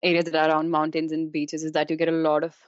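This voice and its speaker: Speaking fast and with completely flat delivery, a young Kashmiri university student talks in a low voice with a Kashmiri Indian accent. She's an interview guest in a relaxed, conversational exchange, often dropping in "like" and "you know." The audio is dull and echoey, as if in a large room.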